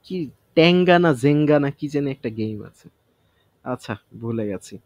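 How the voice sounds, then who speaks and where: Guy going over vocab words out loud, dry close sound, thinks as he talks. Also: mid-range voice, animated, normal speed, no room sound. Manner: thinks aloud, self-testing word by word; mixes English words into Bengali explanations. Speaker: vocabulary teacher. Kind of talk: casual vocabulary study session.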